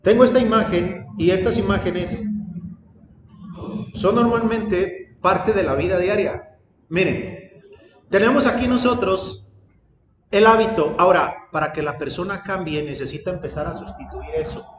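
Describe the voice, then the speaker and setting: A man's voice: high-pitched, unhurried, long pauses. A man preaching a sermon, telling a story and acting out its dialogue, then building up emphatic lists. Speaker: pastor. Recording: echoey hall with ambient noise.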